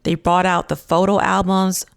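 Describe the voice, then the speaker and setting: A woman's voice: lowish voice, flat delivery, normal speed, vocal fry, clear, resonant tone, no room sound, clean studio sound. A woman hosting a casual reality show recap vlog, talking in an emphatic, dramatic way.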